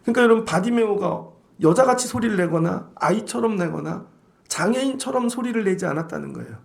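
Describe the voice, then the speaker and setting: Male pastor, high and gravelly, animated sermon delivery. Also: a little fast. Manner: animated preaching, acting out voices of others.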